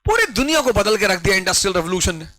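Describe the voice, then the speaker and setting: A man teaching a history class, animated and urging his students, dropping English phrases into his talk. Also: sits high, very fast, poor audio.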